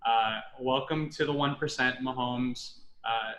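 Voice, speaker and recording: A man's voice: medium pitch, steady tone, unhurried, a bit bright, reverberant. A man as a guest on a sports podcast, joking and laughing through casual banter.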